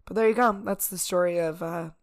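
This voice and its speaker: A woman co-hosting a podcast in casual chat, speaking informally with a hoarse voice. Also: fairly low pitch, a little fast. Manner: informal, peppers talk with "like" and "y'all". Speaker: podcast co-host.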